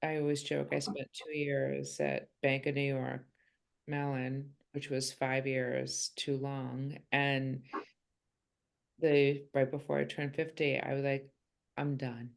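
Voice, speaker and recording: A woman's voice: a bass voice, level tone, takes it slowly, vocal fry, low-quality recording. A woman in her fifties, an author guest on a podcast, chatting casually with a self-mocking sense of humor and rambling asides. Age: 50s.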